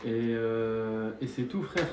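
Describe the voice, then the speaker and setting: A man's voice: on the low side, slow, a crowd in the background. A man chatting casually, giving brief and reticent answers. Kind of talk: casual chat.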